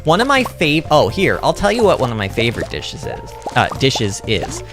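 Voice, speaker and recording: A native English-speaking streamer plays a farming game live, rambling casually and answering chat with animated, emphatic energy. The voice sits at medium pitch with huge swings, the pace is moderate, and music plays in the background.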